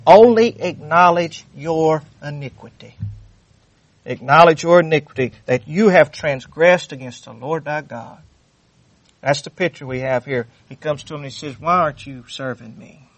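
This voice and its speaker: A man's voice: a little high, normal speed, no room sound. A man preaching a sermon, fervent and repetitive, reading scripture aloud with rising intensity. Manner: fervent, repeats phrases, reads scripture aloud.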